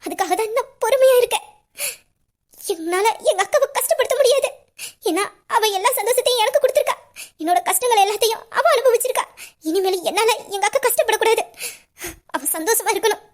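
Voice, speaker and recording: A woman's voice: very high-pitched, lively intonation, fast talker. A young woman voicing a despairing heroine devoted to her older sister, in an audio romance drama, tearful yet defiant.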